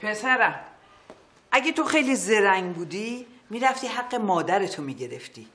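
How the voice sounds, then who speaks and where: Quietly reproachful mother, mid-range voice in a roomy space. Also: mid-range voice, big pitch swings. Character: reproachful middle-aged mother. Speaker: mother of the son. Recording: echoey room.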